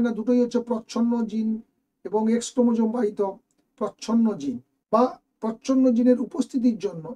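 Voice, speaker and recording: High-voiced man teaching students. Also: dark tone. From West Bengal, India. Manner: explains step by step, addressing students directly. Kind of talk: exam question walkthrough lesson.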